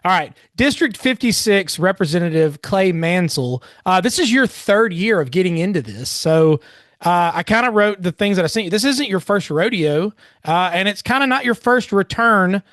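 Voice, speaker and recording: Chatty host, dry close sound. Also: male voice, high-pitched, expressive, normal speed, a bit bright, no room sound. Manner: chatty and friendly, with restarts and uhs. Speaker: podcast host. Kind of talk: casual interview.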